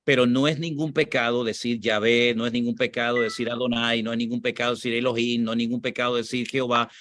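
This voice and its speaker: With a quick pace and little pitch movement, a man with a medium-pitched, slightly bright voice teaches as a pastor. He is from Spain, has a Spanish accent, and explains scripture and answers questions, repeating his points for emphasis.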